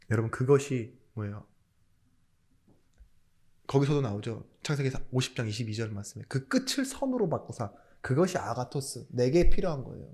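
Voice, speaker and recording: A man's voice: medium pitch, darkish tone. A male pastor giving a sermon, asking rhetorical questions, throwing in jokes, and suddenly raising his voice for emphasis. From South Korea. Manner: jokey asides.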